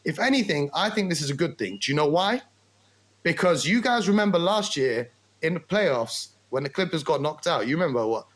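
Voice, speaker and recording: A man's voice: a little high, a bit bright. A man on a sports talk show arguing his point with rhetorical questions and emphatic punches. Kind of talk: animated basketball debate.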